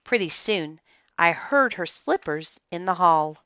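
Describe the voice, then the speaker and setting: A woman reading a children's book aloud in an expressive storytelling manner, on a slightly muffled dry recording. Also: fairly low pitch, unhurried, dry recording. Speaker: storybook reader.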